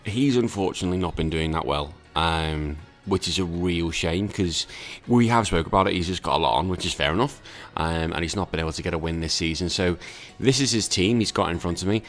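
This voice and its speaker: A man's voice: low voice, fairly quick, few pauses, soft background music. A tired man recovering from illness, casually commentating a Pokemon battle with lots of fillers and self-corrections.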